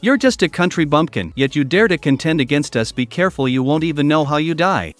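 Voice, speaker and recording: A man voicing an arrogant, scheming young male disciple who taunts and complains loudly. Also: fairly high pitch, animated, a little fast, dry recording, faint music behind. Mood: taunting indignant. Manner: taunting, then whiny and outraged.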